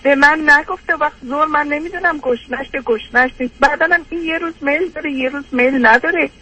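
A woman's voice: sits high, sharp tone, rough recording. An older woman calling in, rambling through an aggrieved personal complaint with many hesitations.

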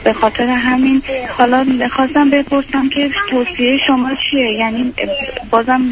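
A woman's voice: high voice, flat delivery. A woman in her thirties calls in for advice, hesitant and self-doubting, with many fillers. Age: 30s. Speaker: caller. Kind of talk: call-in question. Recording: dull phone line with faint hiss.

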